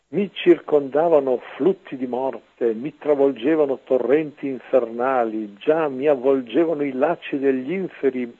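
A man, a priest, giving an earnest, preachy commentary on scripture over the radio, with a gravelly, husky voice. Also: mid-range voice. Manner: earnest, preachy, often pausing on "ecco". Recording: narrow phone-like radio sound.

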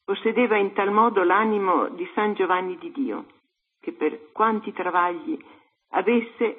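Husky woman reading on phone-like radio. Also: fairly low pitch. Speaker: co-host. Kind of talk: reading a devotional story aloud. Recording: narrow phone-like radio sound.

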